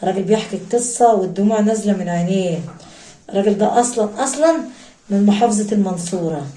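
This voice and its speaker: A woman's voice: medium pitch, very fast, warm tone, roomy sound, recorded from a distance, low-quality recording. A woman with an Egyptian accent telling a story in a chatty way, speaking straight to her listeners. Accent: Egyptian Arabic. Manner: chatty, addresses listeners directly. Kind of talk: casual spoken storytelling.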